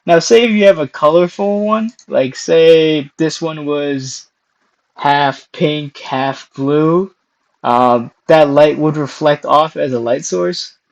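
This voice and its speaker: In this casual screen-recorded software tutorial, the young male host takes things slowly in a highish voice that's going hoarse. He keeps clearing his throat between steps, and the recording has its highs cut off.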